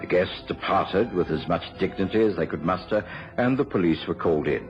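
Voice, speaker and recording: Earnest gentleman doctor narrating, dull recording. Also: low voice, expressive. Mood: measured, grave. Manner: measured, formal storytelling. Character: Doctor Watson, earnest English gentleman narrator and loyal companion. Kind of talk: dramatised first-person radio narration. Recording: dull lo-fi radio recording, loud music.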